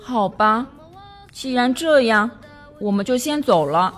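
Earnest storybook boy, polite, voice raised bright and high, as a woman plays him. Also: lively intonation, measured pace, faint music behind. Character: earnest young male hero Carlo.

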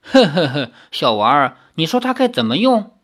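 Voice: medium pitch, very animated, moderate pace. Narrator voicing a sly old tree demon. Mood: cold. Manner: cold, mocking, chuckling. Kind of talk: audiobook reading.

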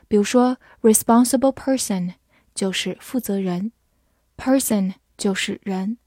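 A woman whose first language is Chinese teaches English vocabulary in a scripted lesson, spelling each word letter by letter and reading the example sentences slowly. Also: mid-range voice, a little mellow, no echo, studio quality.

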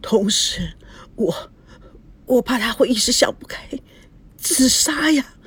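A woman's voice: fairly high pitch, lively intonation, takes it slowly, breathy edge, voice pushed up, full character voice. A woman voicing a grieving elderly grandmother who speaks tearfully with a quavering voice in a storybook reading. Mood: hushed fearful.

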